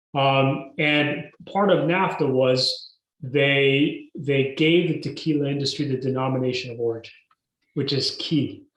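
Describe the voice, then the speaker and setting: A man, a guest telling his story in a podcast interview in a measured, emphatic way. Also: mid-range voice. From Mexico. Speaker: guest entrepreneur. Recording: roomy echo.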